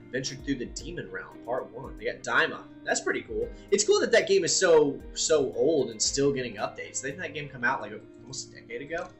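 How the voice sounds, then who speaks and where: A man hosting a live stream, chatting casually and thinking out loud, with the odd swear word. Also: mid-range voice, big pitch swings, fairly quick, hardly any pauses, faint music behind.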